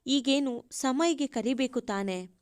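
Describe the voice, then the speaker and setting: A woman's voice: high voice, slow pace, clean tone, no room sound, clean studio sound. A woman voicing a young woman who pleads through tears. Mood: pleading. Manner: sobbing, pleading.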